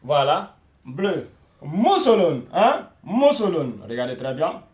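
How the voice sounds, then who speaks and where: A man teaching a beginners' Arabic video lesson, repeating each word slowly and saying "voilà" and "hein" all the time. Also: on the high side, sing-song, a little mellow, roomy sound. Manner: slow and repetitive, repeating each word many times; says "voilà" and "hein" constantly.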